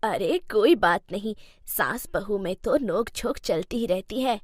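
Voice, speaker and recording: Cartoon role: elderly mother-in-law, voiced by a woman, slow and scolding, bone-dry sound. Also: mid-range voice, dry recording, pitched below the performer's own voice, close to an everyday voice. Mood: stern, gentle. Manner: slow, scolding, then soothing. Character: stern but caring old Indian mother-in-law. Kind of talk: cartoon storybook voice acting.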